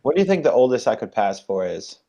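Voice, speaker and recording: A man's voice: medium pitch, big pitch swings, fast, dark tone. A young man chatting as a guest on a casual hangout, rambling and hesitant with lots of fillers. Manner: rambling, hesitant, self-conscious.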